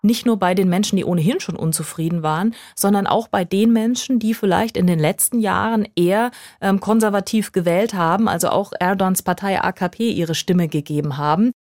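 A woman reporter explaining events in a relaxed conversational way, using everyday examples from her own life. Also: mid-range voice, brisk, hardly any pauses, no room sound, studio quality. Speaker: foreign correspondent guest. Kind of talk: conversational podcast interview.

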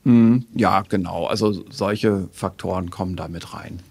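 Gravelly-voiced man explaining in a podcast. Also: deep voice, a little mellow. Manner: measured, careful explanations. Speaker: expert guest. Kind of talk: podcast interview, explaining data.

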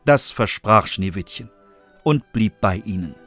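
A man reading a fairy tale aloud for children with expressive, lively storytelling. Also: on the low side, unhurried, no room sound, faint music behind. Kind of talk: scripted storybook narration for children.

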